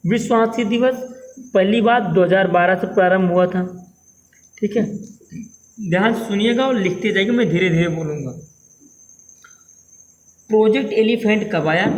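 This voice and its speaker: A man's voice: sits high, rough recording. A man teaching exam-prep current affairs as a lecture, repeating each question and tagging lines with "theek hai", in a North Indian Hindi accent.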